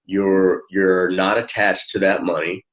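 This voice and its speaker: This low-voiced man, a network marketing coach, leads a one-on-one session with casual encouragement. He explains in broken, informal phrases that keep circling back, with his pitch barely moving and a slightly bright quality.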